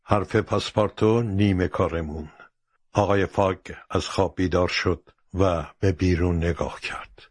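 A man narrating a storybook in a steady, measured way. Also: low voice, no room sound, studio quality.

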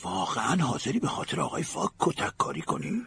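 A man voicing a loyal, fretful male servant in a storybook reading, husky and earnest. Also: on the high side, lively intonation, slight background noise, pitched above the performer's own voice, natural voice. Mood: hushed.

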